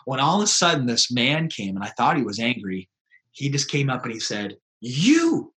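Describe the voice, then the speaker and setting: A man, a pastor, telling a personal story in an interview, animated and acting out quoted voices. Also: medium pitch, brisk. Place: lives in South Dakota.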